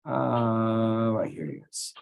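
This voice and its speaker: Slow and lowish with vocal fry, this male teacher narrates as he clicks. His screen-recorded tutorial takes students step by step through a computer task in a casual, think-aloud style.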